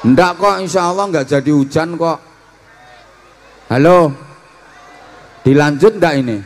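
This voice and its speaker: Playful Javanese preacher, fairly high voice. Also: male voice, unhurried, a little hiss or hum. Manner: playful, acts out greetings in different voices. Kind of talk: humorous sermon to students.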